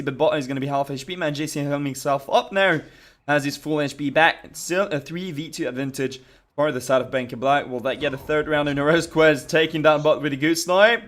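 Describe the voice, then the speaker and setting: A man's voice: mid-range voice, fairly bright tone. Chatty male esports co-caster, French accent. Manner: chatty, hesitant fillers, clears his throat. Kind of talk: live game commentary.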